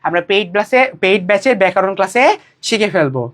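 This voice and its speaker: A woman's voice: medium pitch, animated, quick pace. A woman teaching a grammar class for an admission exam, speaking. She asks questions and answers them herself. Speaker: admission test Bangla tutor. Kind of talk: online exam-prep lecture.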